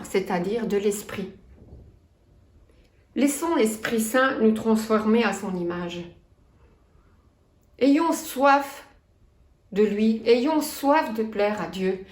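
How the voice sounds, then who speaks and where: Slow Belgian woman preaching in an echoey church. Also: fairly high pitch, a little mellow. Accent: Belgian French. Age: 50s. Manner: earnest and measured, reading scripture aloud. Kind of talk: sermon.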